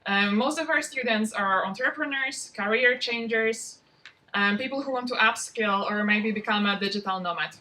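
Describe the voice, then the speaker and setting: Bright-voiced woman hosting a demo day. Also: fairly high pitch, normal speed, recorded from a distance, poor audio. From from outside Norway. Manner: relaxed, informal, with frequent ums. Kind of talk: event welcome speech. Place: event venue, spoken to a live audience.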